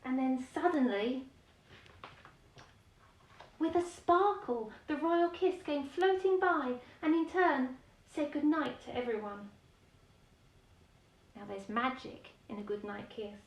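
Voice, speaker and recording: This woman's high-sitting voice is animated but slow, with long pauses, as she reads a children's bedtime picture book. She reads expressively and chats with young listeners, explaining things and asking them questions. The recording has roomy echo from a distant microphone.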